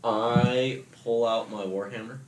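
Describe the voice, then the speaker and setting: A man's voice: mid-range voice, steady tone, takes it slowly. A man playing in a casual tabletop game, hesitant and filling with ums. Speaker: player. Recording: distant mic, echoey room, loud noise.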